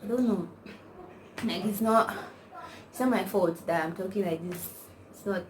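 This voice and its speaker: A young woman vlogger with a mid-range voice and a Nigerian accent talks at a moderate pace in a casual chat to camera. Her storytelling rambles, packed with slang and "like" at every turn. The mic is distant and the background noisy.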